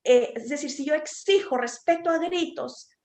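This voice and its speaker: High-voiced woman lecturing. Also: normal speed. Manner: warm, conversational, frequent tag questions. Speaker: psychotherapist giving a conference talk. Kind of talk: informal lecture to parents. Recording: echoey room.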